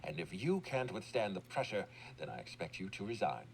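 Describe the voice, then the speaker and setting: A man's voice: deep voice, big pitch swings, a little fast, gravelly, a little hiss or hum, heavily acted, low-quality recording. An actor playing an imperious, indignant businessman in a video game, speaking in a formal, commanding and exasperated way. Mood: indignant, stern.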